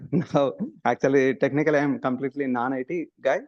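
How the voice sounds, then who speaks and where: Guy from india giving a quick halting intro, dry muffled call audio. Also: mid-range voice, dry recording. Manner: relaxed, halting, uses 'like'. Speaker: webinar attendee. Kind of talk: casual self-introduction. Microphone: video call.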